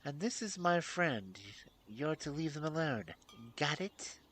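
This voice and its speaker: A man's voice: a little high, big pitch swings, measured pace, a bit bright, a little hiss or hum, pitched above the performer's own voice. A man voicing a stern, fierce young woman who scolds drunks in a game story. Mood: angry.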